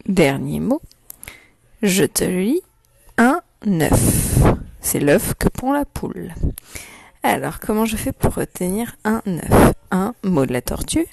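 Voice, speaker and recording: A woman teacher giving a slow dictation lesson to young children, saying each syllable clearly and repeating it. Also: fairly low pitch, sing-song, darkish tone, dry recording. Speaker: primary school teacher.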